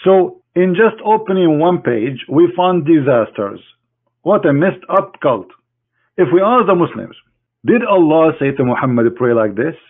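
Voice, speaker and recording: A man's voice: a little high, expressive, a little slow. Guy, scornful and sarcastic, talks right at the other side, sounds thin like a phone line. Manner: scornful, sarcastic, addressing an opponent directly. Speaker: religious critic presenting a screen demonstration. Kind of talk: mocking screen-share lecture.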